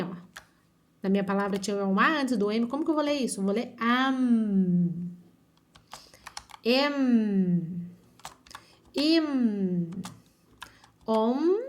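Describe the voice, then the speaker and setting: A woman teaching an online phonics lesson, drawing out each syllable slowly and often checking whether the children follow. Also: a little high. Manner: slow, drawn-out syllables with frequent checking questions. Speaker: primary school teacher.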